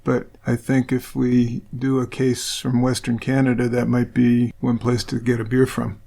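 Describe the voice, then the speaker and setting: A man's voice: medium pitch, monotone, moderate pace, creaky, mellow. A man co-hosting a true crime podcast, laconic and matter-of-fact as he reads emails and recounts cases. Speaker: podcast co-host. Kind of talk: casual true crime chat.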